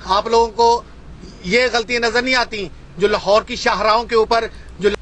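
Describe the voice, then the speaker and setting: A man's voice: very high voice, fairly even intonation, a bit bright, slight background noise. A man sending a voice message while driving, polite in tone but mocking, repeatedly saying please. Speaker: Ahmadi missionary debater. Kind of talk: voice-message debate. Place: in a moving car, driving.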